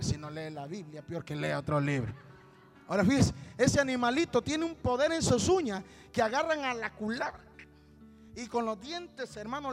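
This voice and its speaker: A male preacher telling a story in a sermon, rising to shouted exhortation and calling his listeners brother. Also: extremely high pitch. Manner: calls listeners "hermano" constantly. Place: church.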